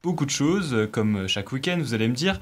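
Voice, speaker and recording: A man's voice: medium pitch, very animated, fast. Hesitant man reading sports press. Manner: hesitant, many fillers and restarts. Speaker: press review presenter on student radio. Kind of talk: radio press review.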